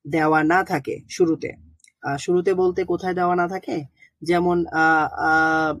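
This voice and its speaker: A teacher gives an online lesson. The teacher talks patiently, hesitates often and slowly sounds out letters and syllables one by one. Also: mid-range voice, no echo. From Bangladesh. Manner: hesitant with frequent drawn-out fillers. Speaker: Quran recitation teacher.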